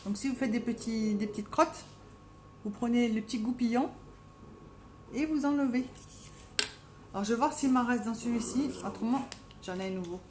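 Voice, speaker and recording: A middle-aged woman with a Marseille accent chats through a live makeup stream from home. She talks to viewers by name and mocks herself. Her voice is strong and set a little high, with light noise behind it. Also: moderate pace, pauses often, a little mellow. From Marseille, France. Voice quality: deep, strong voice. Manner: chatty, self-mocking, talks to viewers by name. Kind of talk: casual live-stream chat while doing makeup. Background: dogs playing now and then.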